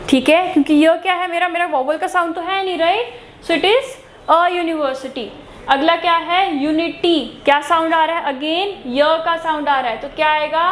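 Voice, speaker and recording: Woman tutor, high voice, asks and answers her own questions, roomy sound with faint noise. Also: a bit bright. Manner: mixes Hindi with English phrases. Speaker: teacher. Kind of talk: exam-prep grammar lesson. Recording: echoey room with faint noise.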